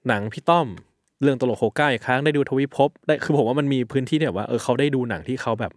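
A man hosting a film podcast and interviewing his guest, quick and friendly, backing him with short listening sounds. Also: medium pitch, no echo, clean studio sound.

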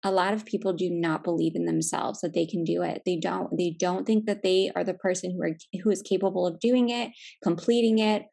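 A woman's voice: on the low side, steady tone, a little fast, creaky, hardly any pauses, dark tone. A woman fitness coach in a casual chat, upbeat and encouraging, talking with lots of "like" and "you know".

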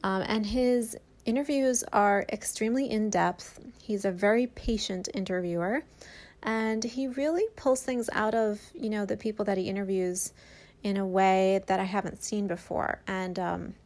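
A woman with a mid-range, somewhat dark voice hosts an art podcast at a moderate pace. She opens the show and interviews casually, rambling with enthusiasm and lots of filler words.

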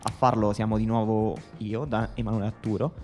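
Measured male podcast host, reverberant room. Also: on the low side, flat delivery, warm tone, faint music behind. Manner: measured, building an argument point by point. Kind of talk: casual podcast debate.

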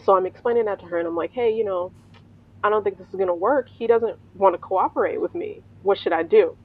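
Woman storyteller, lively, acts out quotes; breathy tone, dull recording. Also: medium pitch, fast talker. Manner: animated, acts out quoted voices, laughs often. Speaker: storyteller, veterinary technician. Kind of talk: casual spoken storytelling.

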